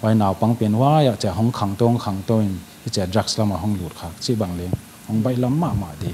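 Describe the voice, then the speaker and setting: A man who works as an addiction counsellor, explaining calmly and mixing in English terms during a panel discussion. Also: fairly low pitch, very slow, a little hiss or hum. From Manipur, India.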